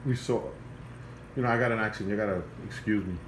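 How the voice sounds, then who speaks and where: Filming his aquarium indoors on a phone he holds himself, a hobbyist vlogger with a non-native English accent walks through it casually. His voice sits on the low side with a steady tone, and he is halting, repetitive and earnest, almost pleading, restarting phrases amid background noise.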